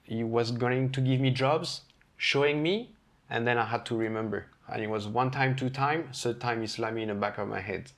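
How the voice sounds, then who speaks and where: A man's voice: medium pitch, normal speed. A man with a French accent, a chef guest on an interview podcast, talking candidly and acting out the voices in his stories. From France. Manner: candid, animated, acts out quoted lines. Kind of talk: casual storytelling interview.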